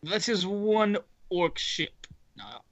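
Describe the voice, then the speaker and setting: Bright high-voiced man on voice chat. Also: very animated, slow pace, dry recording. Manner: laughs often, swears, talks over others. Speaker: player voicing a captain. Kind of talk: casual tabletop role-play.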